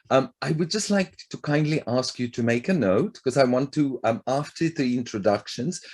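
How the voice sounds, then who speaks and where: A man moderating a panel discussion, politely handing over the word with many pauses. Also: mid-range voice, a little mellow, husky. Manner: polite, halting, many um fillers.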